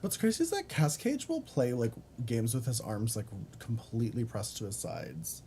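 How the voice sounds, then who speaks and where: At a normal speed and with a little background noise, a young male streamer chats casually with his audience while gaming. He reads the chat aloud, swears, and veers between flat mumbles and shrill squeals.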